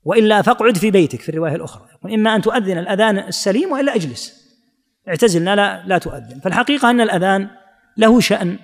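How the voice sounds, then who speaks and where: A man giving a religious lesson, demonstrating each phrase by slowly drawing out its vowels. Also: high-pitched, gravelly, long reverb tail. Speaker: Islamic scholar teaching.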